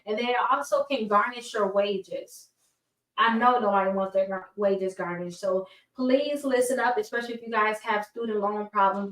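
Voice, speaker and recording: A woman teaching a personal finance course casually and directly to viewers, chatty with small stumbles, her speech slightly hampered by braces. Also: fairly high pitch. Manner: chatty, informal direct address with stumbles and self-corrections. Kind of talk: casual instructional talk to viewers. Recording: roomy, echoey, far from mic.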